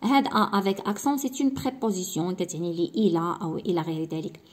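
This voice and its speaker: A woman's voice: lowish voice, a little mellow. A woman with a Moroccan accent, teaching a primary school French lesson and explaining each point step by step. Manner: slow, deliberate reading of French example sentences.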